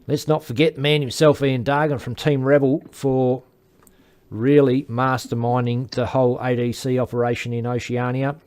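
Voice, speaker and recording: A man's voice: medium pitch, little pitch movement, normal speed, a little mellow, clear, resonant tone. Male sports commentator, casual and chatty, mid-range voice, informal delivery. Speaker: darts commentator.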